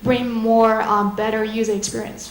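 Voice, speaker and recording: Higher-voiced woman asking a question, echoey room. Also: level tone, moderate pace. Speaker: audience member asking a question. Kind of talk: spontaneous question at a live talk.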